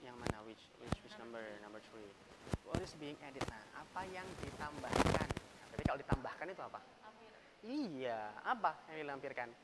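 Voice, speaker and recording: A man's voice: mid-range voice, big pitch swings, normal speed. A young male English teacher with an Indonesian accent, teaching a class, switching between Indonesian and English and coaxing answers with questions. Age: young adult. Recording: noisy classroom recording.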